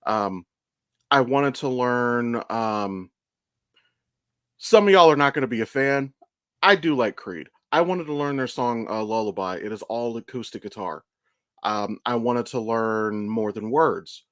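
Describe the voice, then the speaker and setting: Speaking unhurriedly in a mid-range, fairly bright voice, a podcast co-host rambles through casual chat, profane and stop-start, often correcting himself. He sounds like an American in his thirties. It's a clean studio recording without any room sound.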